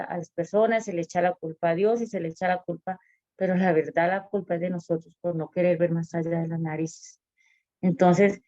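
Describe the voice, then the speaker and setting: A woman's voice: on the low side, dark tone, no room sound, lo-fi sound. Earnest woman co-host reflecting. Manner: earnest, repetitive, quotes God directly. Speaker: co-host of a sermon program. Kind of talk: conversational sermon reflection.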